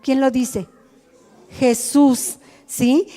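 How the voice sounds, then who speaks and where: Mexican woman preacher, slow and deliberate, checks in with the group, reverberant room. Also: high-pitched, fairly even intonation, dark tone. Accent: Mexican Spanish. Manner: asks the group questions. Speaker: teacher at a rehab ministry. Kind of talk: sermon to a group. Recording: hall reverb.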